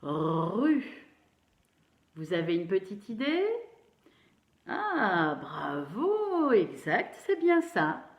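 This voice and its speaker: Slow, encouraging woman teaching phonics. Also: mid-range voice, huge pitch swings. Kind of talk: phonics lesson for young children. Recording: roomy, dull lo-fi sound.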